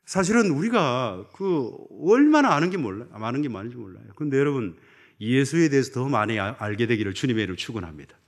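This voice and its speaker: A middle-aged man from Chungcheong preaching a sermon as a pastor, building to loud emphatic peaks and dropping to low, soft asides. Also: expressive, quick pace. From Chungcheong, Korea.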